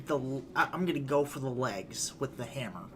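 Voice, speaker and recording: A player in a tabletop game, talking hesitantly with many pauses and filler words. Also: medium pitch, expressive, noisy background.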